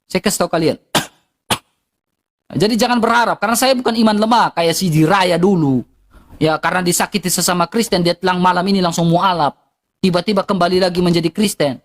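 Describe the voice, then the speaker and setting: A woman's voice: on the low side, steady tone, fairly quick. A woman with an eastern Indonesian accent, ranting heatedly and bluntly to her livestream viewers, repeating herself for emphasis.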